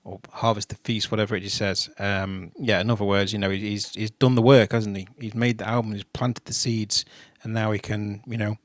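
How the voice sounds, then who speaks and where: A man giving casual reaction commentary in a relaxed way, repeating himself and using fillers like um and you know. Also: fairly low pitch, fairly quick, hardly any pauses, no echo. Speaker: reaction video host.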